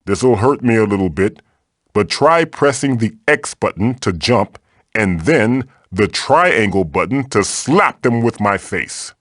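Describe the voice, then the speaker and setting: In studio-quality audio with no room sound, a man voices a magical floating tiki mask in a video game, delivering tutorials and quips as a fatherly guide. His lowish voice is animated and unhurried with a fairly bright tone, and he sounds theatrical, encouraging, wry and instructive.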